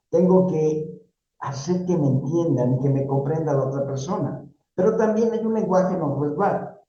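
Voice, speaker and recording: A man's voice: a little high, dark tone. A man with a Mexican Spanish accent giving a university workshop talk on job interviews, teaching with rhetorical questions and frequent tag questions. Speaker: career workshop speaker. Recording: roomy, dull sound.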